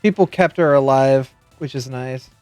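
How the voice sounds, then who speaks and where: A man's voice: medium pitch, normal speed, a little mellow, dry recording, faint music behind. A man chatting casually while streaming a game, swearing freely and restarting his sentences. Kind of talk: casual gameplay chat.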